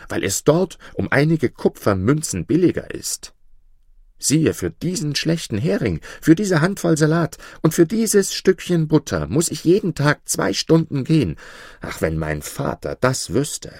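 A man's voice: medium pitch, very animated, measured pace, a little mellow, no echo, studio quality, pitched above the performer's own voice. A man reading the part of an anxious, homesick young Egyptian servant boy in a storybook tale, pleading and earnest. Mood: lamenting.

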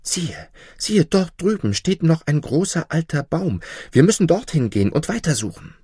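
A man's voice: medium pitch, sing-song, measured pace, breathy edge, no echo, studio quality, voice pushed up. A man voicing a timid young dwarf cook in a fairy tale, speaking in a trembling, pleading way. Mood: anxious.

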